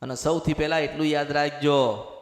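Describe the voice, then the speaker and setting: A man's voice: a little high, steady tone, moderate pace. A man preaching as a temple medium, speaking as the mother goddess and repeating his exhortations over and over. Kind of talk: devotional sermon. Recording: echoey hall reverb.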